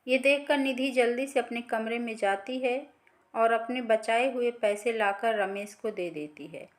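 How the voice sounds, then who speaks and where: A woman storyteller reading a scripted family drama in an even, plain manner. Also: on the high side, unhurried.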